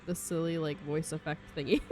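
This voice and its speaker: Slow-talking, giggly woman streamer. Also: low voice, dark tone, slight background noise. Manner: laid-back, giggly, chatting with viewers. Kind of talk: casual live stream chat.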